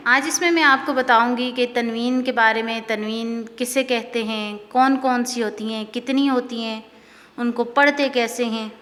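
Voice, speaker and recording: A woman teaching Quran reading in a slow, recited lesson. She drills each letter, draws out her words and keeps checking whether her listeners understand. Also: on the high side, steady tone, fairly bright tone, long reverb tail.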